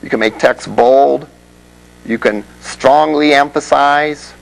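Gravelly male instructor lecturing a class. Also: medium pitch, slow pace, low-quality recording. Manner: conversational, checks in with the class often. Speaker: web development instructor.

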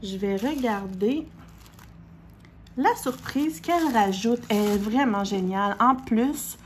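A middle-aged woman with a Québécois accent chats through an unboxing in a slow, drawn-out way. She gasps and repeats her exclamations over and over. Faint room noise sits under her voice. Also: a little high. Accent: Québécois French. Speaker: diamond painting vlogger. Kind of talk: excited unboxing chat.

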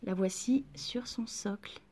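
A woman talks through an unboxing at home in a relaxed, mellow voice. She gushes excitedly and keeps sliding into a soft whisper. A faint noise floor sits under the recording. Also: a little high, unhurried. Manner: gushing and excited, often dropping to a soft whisper. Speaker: vlogger unboxing collectible figurines. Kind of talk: casual unboxing chat.

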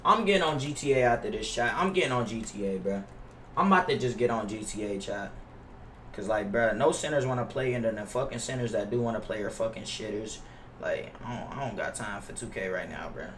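Here a young adult streamer plays a basketball video game and chats live, complaining loudly with plenty of swearing and slang. He talks fairly quickly in a middle-pitched, fairly bright tone, recorded off-mic in an echoey room with noise and clicking keys.

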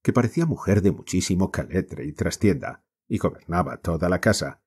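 Man, Spain accent, audiobook narration, deep voice, husky, lively intonation, declamatory. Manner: measured, declamatory reading.

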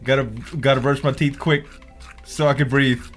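A man's voice: medium pitch, steady tone, normal speed, a bit bright, soft background music. A young man giving casual, exclamatory gameplay commentary as a let's-player, swearing freely. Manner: exclamatory, swearing, laughs readily. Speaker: let's play gamer.

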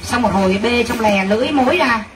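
A woman's voice: fairly high pitch, a little fast, recorded from a distance. A woman running a live clothing sale, gushing with exclamations and talking straight to her viewers. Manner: excitable, gushing exclamations, addresses viewers directly. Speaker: livestream clothing seller. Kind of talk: live selling pitch. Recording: voice from away from the mic, faint background noise.

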